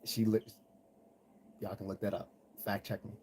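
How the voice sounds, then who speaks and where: An American live commentary host speaks in a monotone at a moderate pace, his voice on the low side and warm. His monologue is casual, blunt, and slangy, with mimicry of people he quotes, and the background noise is noticeable.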